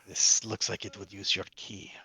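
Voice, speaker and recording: A man's voice: fairly low pitch, little pitch movement, moderate pace, bright, forceful tone, slightly rough. A man chatting casually as a player in a tabletop role-playing game.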